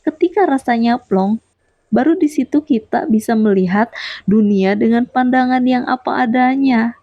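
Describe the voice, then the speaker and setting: Woman, motivational talk to viewers, higher voice, repeats points, dry dull recording. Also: normal speed, dry recording. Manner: repeats key points, asks the listener questions. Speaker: motivational YouTuber. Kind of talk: direct-to-camera motivational talk.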